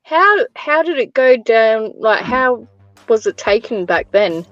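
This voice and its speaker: A woman's voice: on the high side, lively intonation, takes it slowly, a bit bright, no echo, lo-fi sound, faint music behind. An Australian woman in an easygoing casual chat on her livestream, laughing often. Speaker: livestream host.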